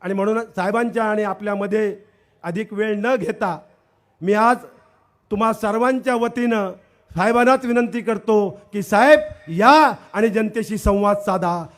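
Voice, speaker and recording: A man's voice: high voice, steady tone, moderate pace. A man with a Maharashtrian accent giving an emphatic, declamatory political rally speech to introduce a party leader.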